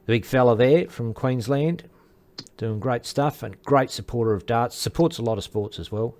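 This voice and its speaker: A man's voice: medium pitch, normal speed, darkish tone. Male sports commentator, casual and chatty, mid-range voice, informal delivery. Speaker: darts commentator.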